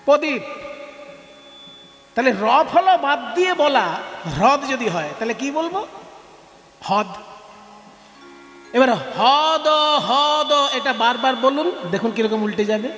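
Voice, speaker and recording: Male kirtan preacher, very high and lively voice, long hall reverb, soft music underneath. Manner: explains by asking listeners questions, repeating words for effect. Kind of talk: devotional kirtan discourse.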